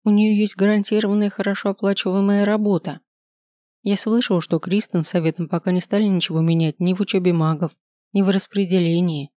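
A reader tells a first-person story at a measured, even pace, reading out chapters of a novel. The voice sits at a middling pitch. The recording is dry, with no room echo. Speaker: audiobook reader. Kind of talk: scripted first-person narration.

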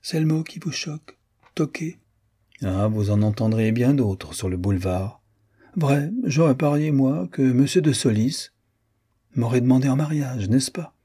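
A man's voice: mid-range voice, expressive, measured pace, mellow, breathy edge, voice pushed up. A man voicing a chatty, teasing young American society woman in an audiobook, playful and lightly mocking. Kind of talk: audiobook character voice.

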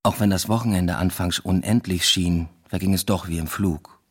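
A man with a low, slightly breathy voice speaks at a moderate pace as the narrator and lead of a radio drama. He plays a reserved young man recounting a new romance in the first person, reflective, understated and matter-of-fact.

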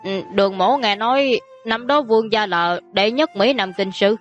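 A woman's voice: mid-range voice, moderate pace, highs cut off, soft background music, natural voice. A woman voicing a sly, courteous young official who speaks in a polite, understated way.

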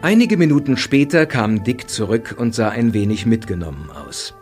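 A man as the calm storyteller of an audio drama, reading scripted narration. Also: lowish voice, moderate pace, natural voice. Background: guitar music.

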